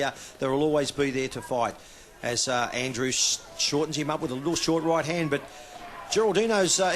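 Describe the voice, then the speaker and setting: A man with an Australian accent hosting and giving live boxing commentary. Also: fairly high pitch.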